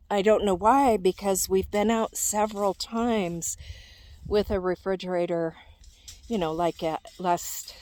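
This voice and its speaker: Breathless older woman, slow halting vlogger. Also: lowish voice, a little mellow, rough recording. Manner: halting, searching for words. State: short of breath in thin high-altitude air. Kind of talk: casual rambling vlog chat.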